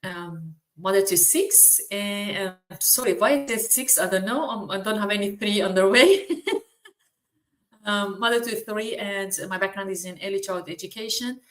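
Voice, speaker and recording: A middle-aged woman co-hosting over a video call. She talks in a chatty, easygoing way at a middle pitch and laughs off her own slips. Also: normal speed. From migrant to Australia. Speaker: co-host. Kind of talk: casual video-call chat.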